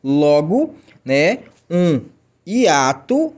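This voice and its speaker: A man's voice: fairly high pitch, big pitch swings, very slow, darkish tone. A Brazilian man teaching a grammar lesson in a chatty way, checking in with the class and answering imagined student questions.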